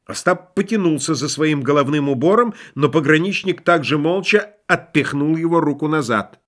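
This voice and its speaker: Expressive male audiobook narrator. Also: fairly high pitch, normal speed. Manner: expressive, lively storytelling.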